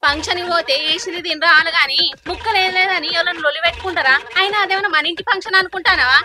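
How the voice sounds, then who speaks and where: Very high, rapid-talking woman. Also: noisy background. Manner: hushed scolding, rapid. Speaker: comic actress. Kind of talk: village comedy sketch.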